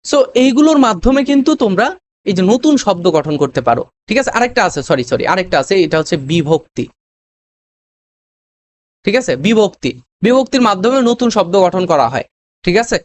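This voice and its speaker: A tutor giving a recorded lesson, explaining step by step with many pauses, fillers and quick self-corrections, often checking that the students follow. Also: medium pitch, big pitch swings, slight background noise. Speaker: admission test tutor.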